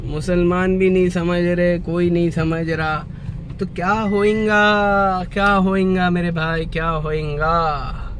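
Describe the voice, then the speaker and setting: A man with a high voice speaks slowly and earnestly, like a small sermon to camera. He repeats phrases for weight and clears his throat often through a lingering cough. Faint street noise sits low behind him. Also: level tone, fairly bright tone. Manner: earnest, preachy, repeats phrases, recites devotional verse. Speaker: vlogger. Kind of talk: slow reflective religious talk to camera.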